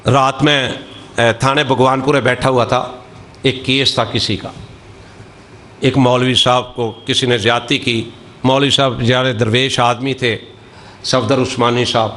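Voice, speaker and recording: A man preaching an impassioned storytelling sermon with a Punjabi accent, moving between hushed narration and loud, drawn-out lines. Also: medium pitch, flat delivery.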